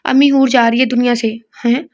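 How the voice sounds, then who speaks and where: A woman's voice: fairly high pitch, little pitch movement, brisk, a little mellow, lo-fi sound, natural voice. A woman voicing a distraught young woman who is frantic about her sister, pleading and asking breathless questions.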